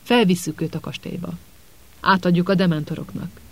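A man's voice: high voice, steady tone, vocal fry. A man voicing a determined teenage boy wizard who speaks breathlessly and firmly. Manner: breathless, firm.

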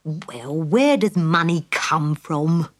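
A woman in a mid-range voice performs a slow-talking male piggy bank who is usually calm and matter-of-fact but sometimes cross. Here he sounds impatient.

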